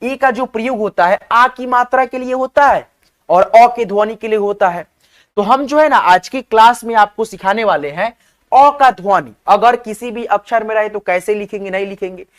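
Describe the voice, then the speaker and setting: A man's voice: high-pitched, moderate pace, fairly bright tone. A male teacher explaining spelling step by step to his viewers, often repeating himself and checking that they follow. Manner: repetitive, addresses viewers as friends, checks in often. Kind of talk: online class explanation.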